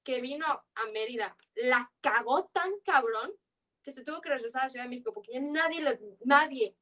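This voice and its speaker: A woman's voice: high voice, fairly quick, a bit bright. A young woman in her twenties with a marked Yucatán accent, chatting loosely as a podcast guest, rambling with slang and fillers. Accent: Yucatán Mexican Spanish. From Yucatán, Mexico. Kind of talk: casual chat.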